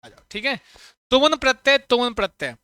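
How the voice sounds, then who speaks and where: A man teaching a Sanskrit grammar lesson for exams, chanting sound patterns and firing quick questions at students. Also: extremely high pitch, pushed and bright, clean tone, no room sound, clean studio sound. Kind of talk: online exam-prep lesson.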